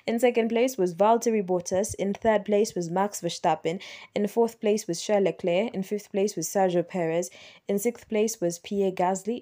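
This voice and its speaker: A woman's voice: mid-range voice, dark tone. A woman hosting a casual motorsport recap, chatty and unscripted, often laughing and stopping to search for names. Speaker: Formula One recap host.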